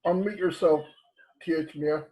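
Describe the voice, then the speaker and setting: A man's voice: a little high, steady tone, unhurried, muffled recording. A man hosting a video call, talking in a reassuring, easygoing way. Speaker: host. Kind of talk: casual chat on a video call.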